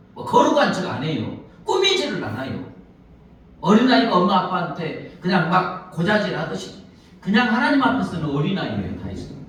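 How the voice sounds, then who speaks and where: A man's voice: high-pitched, a bit bright. A male pastor preaching a Sunday sermon. He acts out pleading prayers and puts questions to the congregation. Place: church sanctuary. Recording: echoey church hall, mic at a distance.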